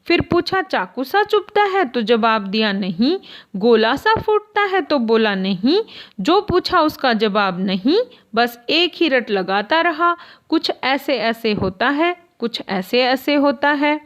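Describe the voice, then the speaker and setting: A woman's voice: high-pitched, big pitch swings, slow pace, full character voice. A woman reading the lines of a worried father in a play, in an anxious, raised voice. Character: worried middle-aged father, fretting over his son. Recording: dull lo-fi recording.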